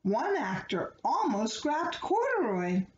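Her voice sits high as this middle-aged woman reads a children's book aloud in an expressive, deliberate way meant for young listeners. The setting is a small indoor living room, and the home recording sounds roomy and dull, with noise in the background.

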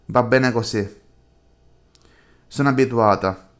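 A man reading the lines of a lonely, withdrawn young woman in a chat horror game, in a slow, flat, subdued way. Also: mid-range voice, close to an everyday voice.

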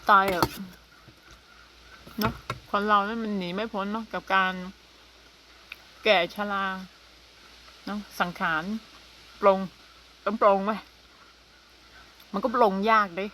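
A woman in her thirties from Thailand chats casually with her viewers. Her voice is bright and clear at an ordinary pitch. She talks in an unhurried way and often drops in soft hums. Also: fairly even intonation, a little hiss or hum. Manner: chatty and unhurried, with frequent soft hums and polite particles. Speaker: vlogger. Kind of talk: casual chat to camera.

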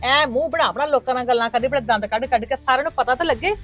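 High, rapid, indignant Punjabi woman. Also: a bit bright, faint music behind. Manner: indignant, argumentative, protective of her children. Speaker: married daughter of the house in a family skit. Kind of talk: scripted family drama acting.

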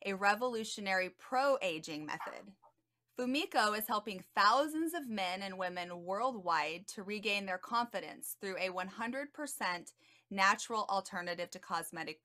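A young adult woman hosting an interview on a video call from her home, speaking eagerly and clearly. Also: medium pitch, sharp tone. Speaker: host, social worker. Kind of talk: scripted introduction then interview.

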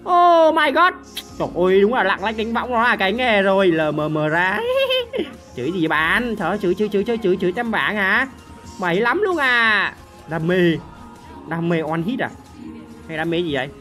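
A young man streams a game, his voice high-pitched, bright and sharp. He talks in quick bursts of repeated words and grumbles at his teammates. Faint game music plays behind him. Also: animated. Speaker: gaming streamer. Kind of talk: excited gameplay commentary.

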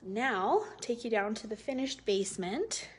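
A woman in her thirties leads a live virtual tour of a house, speaking into a phone held at arm's length as she walks from room to room. Her voice sits a little high, and she talks slowly with an upbeat, admiring manner. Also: expressive, slight background noise. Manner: upbeat, admiring, slow and deliberate. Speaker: real estate agent. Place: large house indoors, walking room to room.

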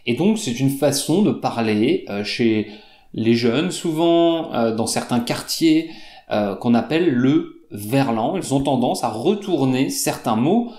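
A man's voice: mid-range voice, animated, a little mellow. Patient French teacher man, echoey room. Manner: slow, patient, repeats examples, many "euh" fillers. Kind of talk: explaining vocabulary to learners.

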